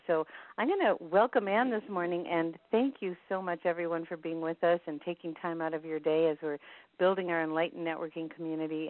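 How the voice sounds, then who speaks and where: Gushing host over a phone line. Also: medium pitch. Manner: slow, gushing introductions. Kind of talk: teleconference hosting.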